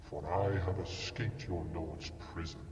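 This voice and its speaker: Big old dragon voice, low n slow, stern fantasy guardian, muffled and echoey. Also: male voice, steady tone, background noise. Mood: stern defiance. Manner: solemn, slow, archaic formal speech. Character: ancient, stern, commanding male dragon guardian. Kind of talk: pre-recorded fantasy role-play monologue. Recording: muffled, cavernous reverb, distant.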